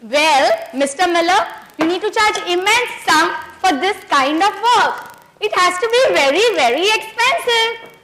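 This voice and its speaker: A woman playing a grand, theatrical art critic who speaks slowly and grandly. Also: very high voice, animated, background noise. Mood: pompous. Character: grand deaf-rumored elderly female art critic. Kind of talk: amateur stage comedy acting.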